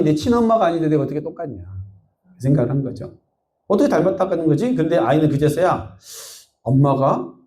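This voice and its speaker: A man's voice: fairly high pitch, mellow. A male pastor preaching a Sunday sermon, telling a story and asking the congregation questions. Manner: asks the congregation questions and acts out quotes. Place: church sanctuary. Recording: echoey church sound.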